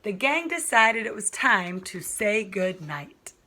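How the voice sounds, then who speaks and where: Bright-voiced woman reading slowly to children. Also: medium pitch, sing-song. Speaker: kindergarten teacher reading aloud. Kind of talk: children's storybook narration.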